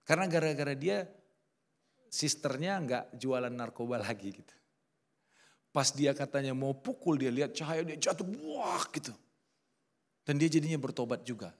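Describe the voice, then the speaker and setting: A middle-aged man preaching a sermon at a church service, telling stories with acted-out quotes. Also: a little high. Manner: lively storytelling with acted quotes. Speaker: pastor.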